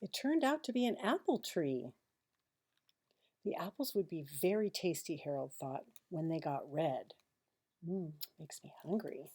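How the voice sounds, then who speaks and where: Reading a children's picture book aloud the way a teacher would, a deep-voiced woman performs expressively, adding dramatic pauses and hushed asides.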